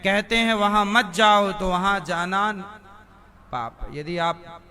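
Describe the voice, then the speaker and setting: A man's voice: sits high, slow, pushed and bright. A man preaching a devotional sermon, asking the listeners questions and answering them himself. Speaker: spiritual preacher. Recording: music playing under the voice.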